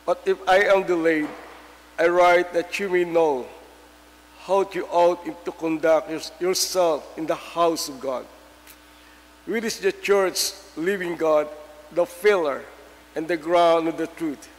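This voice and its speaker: A man's voice: a little high, steady tone, slow pace. A man reading scripture and a responsorial psalm as lector in a church. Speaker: lector at Mass. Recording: long church reverb.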